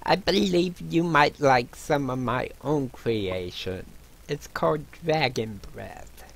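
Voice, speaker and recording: A man's voice: medium pitch, expressive, slow pace, vocal fry, pitched above the performer's own voice, full character voice. A man voicing a friendly male dwarf innkeeper who brews his own mead and calls his guests lad. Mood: hearty.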